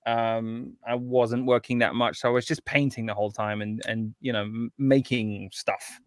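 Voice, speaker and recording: A man's voice: medium pitch, moderate pace, smooth, dry recording, studio quality. A man from England, a guest composer, chatting casually and rambling with lots of ums. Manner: relaxed, rambling, full of ums. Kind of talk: casual chat.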